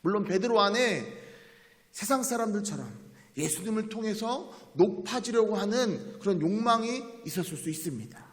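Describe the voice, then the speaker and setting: A man's voice: sits high, expressive, normal speed. A male pastor preaching an earnest sermon in a church, asking the congregation questions as he explains scripture. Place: church sanctuary. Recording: long reverb of a church hall.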